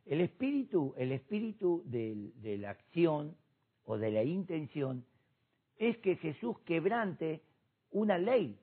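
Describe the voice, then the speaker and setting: A man, a pastor discussing faith with impassioned preaching that rises to shouts. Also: on the high side, big pitch swings, takes it slowly, husky. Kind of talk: church discussion program. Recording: tinny phone-like sound.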